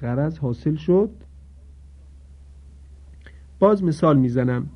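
A man gives a methodical, step-by-step recitation lesson, repeating each rule and asking his listeners to pay attention. His voice sits somewhat high for a man. The recording sounds dull and lo-fi. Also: animated. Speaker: Quran recitation teacher.

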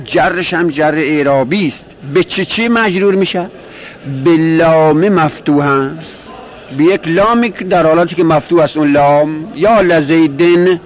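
A man teaching a grammar lesson, explaining step by step, asking and answering his own questions, and slowing down to repeat quoted phrases. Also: fairly high pitch. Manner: repeats and rephrases terms, slows on quoted Arabic. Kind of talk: classroom lecture explaining a grammar text.

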